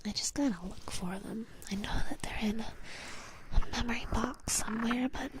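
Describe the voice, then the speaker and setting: A woman's voice: on the high side, normal speed. A woman streamer whispering a drowsy, playful and teasing ASMR ramble with whispered role-play, very close to the mic. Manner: sleepy, drowsy. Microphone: close mic, cupped whispering at the ear.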